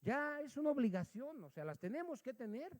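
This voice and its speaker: High-voiced pastor in an echoing hall. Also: male voice, big pitch swings, a little fast. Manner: storytelling, acting out dialogue, swinging from quiet to loud. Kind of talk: sermon with personal story. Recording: long hall reverb.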